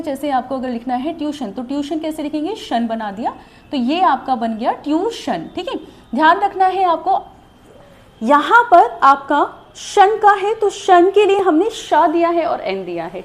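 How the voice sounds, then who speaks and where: A woman's voice: sits high, a little mellow. A woman teaching a shorthand class online, explaining step by step and often checking that students follow. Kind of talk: online lesson.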